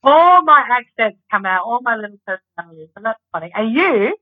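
A woman's voice: fairly high pitch, sing-song, brisk. Chatty woman, slightly dull audio. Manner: chatty, rambling, swears casually. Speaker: podcast co-host. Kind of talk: casual chat. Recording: dull lo-fi sound.

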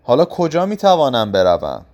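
A man's voice: medium pitch, huge pitch swings, a little mellow. A man voicing an old male gardener who pleads with his master.

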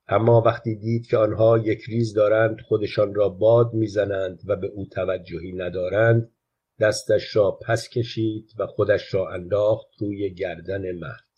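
Low husky male story reader. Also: darkish tone, muffled recording. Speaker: narrator. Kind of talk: literary story reading.

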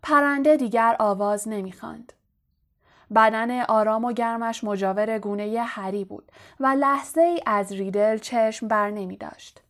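A woman reads an audiobook chapter aloud in a calm, steady way. Her voice sits somewhat high for a woman. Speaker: audiobook narrator. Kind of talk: scripted audiobook narration.

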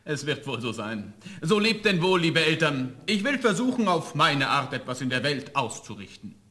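An actor playing a huge young giant who is the son of a farmer, in a radio play, blunt and demanding. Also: male voice, on the high side, sing-song, moderate pace. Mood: resigned. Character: young male giant, huge, strong and always hungry.

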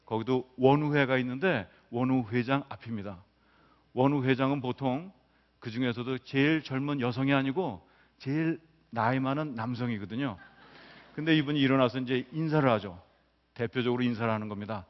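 A man's voice: medium pitch, brisk. Middle-aged guy professor lecturing, tells stories w/ voices, echoey hall, muffled sound. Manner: lively storyteller acting out quotes. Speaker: business professor. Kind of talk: public lecture. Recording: roomy hall, dull lo-fi sound.

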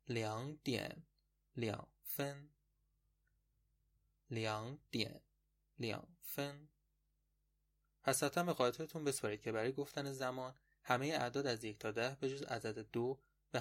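Male podcast tutor, mid-pitched, patient explainer, slows down for repeats. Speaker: Chinese language teacher. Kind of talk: podcast language lesson.

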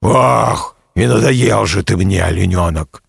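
A man voicing a hungry, treacherous male tiger in a storybook reading, with a gravelly growl and a slow menacing drawl. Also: sits low, no room sound, clean studio sound, pitched below the performer's own voice, heavily acted. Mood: grumbling.

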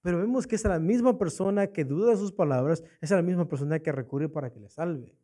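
Mellow-voiced preacher posing questions. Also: male voice, fairly high pitch, brisk. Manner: asks the congregation rhetorical questions, repeats key points. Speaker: pastor. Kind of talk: sermon. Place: church.

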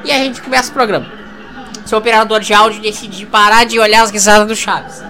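A woman's voice: mid-range voice, steady tone, fast, bright, forceful tone. A woman hosting an amateur comedy radio show, rambling and jokey as she announces. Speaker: host.

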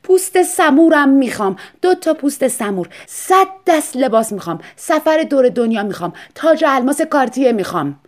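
A woman voicing a shrill, demanding rich woman writer. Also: big pitch swings, hardly any pauses. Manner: loud, shrill outbursts.

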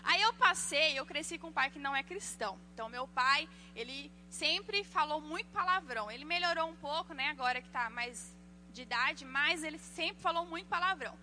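A woman giving a sermon on parenting, telling lively personal stories and acting out the voices of the people in them. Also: high voice, moderate pace, slight background noise. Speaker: church speaker.

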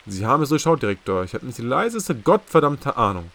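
A man's voice: medium pitch, fast talker, fairly bright tone. A man voicing a puzzled, increasingly irritated male professor who answers defensively. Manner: defensive, agitated.

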